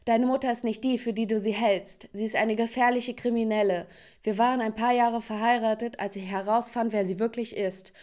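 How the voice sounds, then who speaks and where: A woman's voice: on the high side, fairly even intonation, a little fast, a little mellow, close to an everyday voice. Woman reading a desperate father. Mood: urgent. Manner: urgent, pleading. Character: desperate hiding father on phone.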